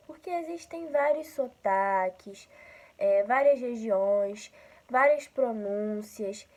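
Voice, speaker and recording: A woman from Rio de Janeiro with a Carioca accent, teaching a school lesson slowly and patiently, often checking in with her listeners. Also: high-pitched, a little mellow, low-quality recording. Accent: Carioca Brazilian Portuguese. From Rio de Janeiro, Brazil.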